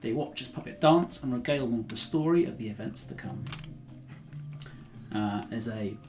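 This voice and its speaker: Man, game master, mid-pitched, conversational narration, hesitant phrasing, tabletop role-play. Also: lively intonation, normal speed, a little mellow, a little hiss or hum.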